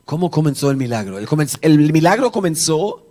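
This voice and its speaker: With a slightly high, warm, sing-song voice, a male pastor preaches a little fast to a church congregation. He keeps things conversational and joking, narrating the story with animation and performing the dialogue.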